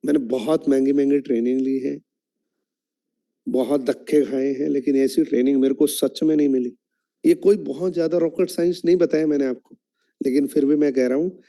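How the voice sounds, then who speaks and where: A man leads an online training session, putting questions to his listeners as he explains. His voice sits a little high but sounds warm and mellow. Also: steady tone, normal speed, vocal fry. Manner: instructive, asks the audience questions.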